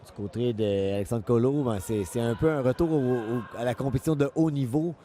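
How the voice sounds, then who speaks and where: A man commentates on a live fight in Quebec French. His voice is middle-pitched and soft-edged, on the dark side. He breaks down the action analytically, repeating phrases as he goes. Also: brisk.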